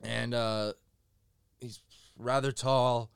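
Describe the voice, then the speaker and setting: Smooth-voiced man in casual movie chat. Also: mid-range voice, level tone, very slow, dry recording, clean studio sound. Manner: laughing, wry, storytelling. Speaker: podcast co-host.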